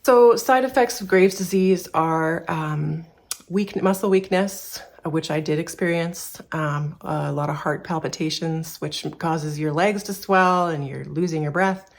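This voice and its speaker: A woman's voice: deep voice, a little slow. Woman, 30s, from Canada; shop owner in a candid vlog, slightly breathless, rambling delivery. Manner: candid, rambling, many restarts and fillers. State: a little out of breath. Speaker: furniture repair business owner. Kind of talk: personal vlog talking to camera.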